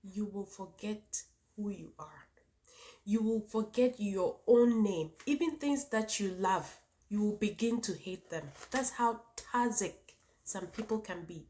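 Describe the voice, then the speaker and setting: A woman's voice: medium pitch, animated, a little slow, a little mellow. Emphatic Ghanaian woman vlogger. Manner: emphatic, with repetition and rhetorical questions. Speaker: vlogger and channel host. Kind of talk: opinionated personal talk to viewers.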